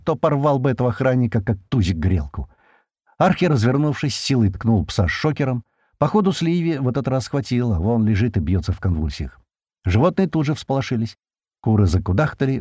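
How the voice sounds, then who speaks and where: Husky guy reading a first-person audiobook, slangy, lively, dry close sound. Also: fairly low pitch, dry recording. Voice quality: colloquial, slangy. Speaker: narrator.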